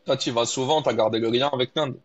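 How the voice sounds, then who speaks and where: Talking fast at a medium pitch, this man hosts a podcast interview, keeping his questions casual and friendly. The high frequencies are cut off in the recording.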